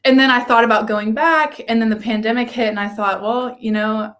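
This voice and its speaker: In a relaxed interview, this young adult singing client speaks frankly, pokes fun at herself, and laughs a lot. Her voice sits a little high, with a steady, fairly bright tone and a fairly quick pace.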